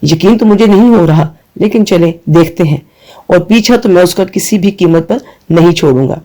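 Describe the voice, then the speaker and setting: A man's voice: sits high, mellow, lightly acted. A man voicing an angry, brooding young man who speaks bitterly and defiantly.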